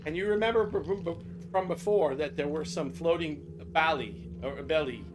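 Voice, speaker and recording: A man's voice: on the high side, normal speed, background noise. An older man acting as game master for a tabletop game, talking loosely and often checking in with his players. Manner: loose and chatty, keeps checking in with "right?". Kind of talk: running a tabletop game in casual chat.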